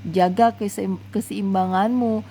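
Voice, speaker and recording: A woman's voice: medium pitch, steady tone, a little slow, dark tone, a little hiss or hum, lightly acted. A woman voicing Orus, a cheerful young herdsman boy, in a storybook reading with a coaxing manner. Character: young male friend, eager boastful herdsman boy.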